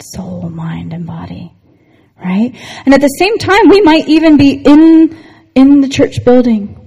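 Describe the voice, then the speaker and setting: A woman's voice: on the high side, dark tone, breathy edge, in a large hall, low-quality recording. A woman giving a devotional talk to women, earnest and personal, often asking "right?". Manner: earnest, personal storytelling, frequent "right?" asides. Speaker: women's Bible teacher.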